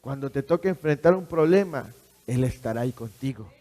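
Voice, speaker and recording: A man's voice: a little high, animated, fairly quick, warm tone, soft background music. A man preaching a sermon, emphatic and full of rhetorical questions to his congregation in a church hall. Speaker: pastor. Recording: long hall reverb.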